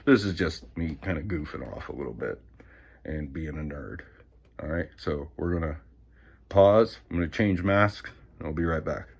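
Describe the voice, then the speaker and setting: Deep-voiced man for a home vlog; chatty, rambling, pokes fun at himself. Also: moderate pace, husky. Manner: rambling, self-deprecating, chatty. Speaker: vlogger. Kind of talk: casual show and tell. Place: indoors at home.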